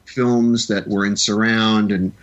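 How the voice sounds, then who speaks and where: A man's voice: fairly low pitch, steady tone, slow, muffled recording. A man from the American Midwest, a film composer, telling his story in a casual interview with enthusiastic, rambling sentences.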